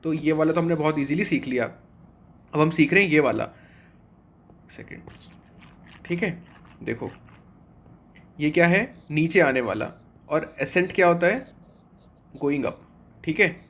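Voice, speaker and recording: A young man teaching an online vocabulary class for exam prep, his voice sitting a little on the high side. He walks through each word step by step and puts questions to the class that he answers himself. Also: lively intonation, measured pace, long pauses, a bit bright.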